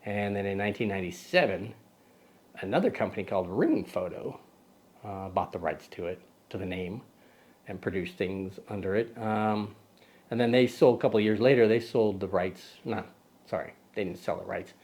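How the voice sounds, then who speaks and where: A man's voice: on the low side, moderate pace, a little mellow. A man hosting a casual lens review vlog, rambling and correcting himself with joking asides, recorded outdoors. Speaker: host of a camera lens video.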